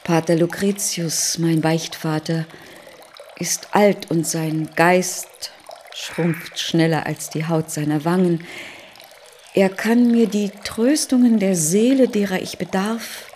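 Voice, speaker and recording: A woman's voice: lowish voice, steady tone, takes it slowly, darkish tone, a little hiss or hum. A coaxing noble lady. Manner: coaxing, self-assured. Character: noble Roman lady, scheming and flirtatious. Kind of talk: radio play acting.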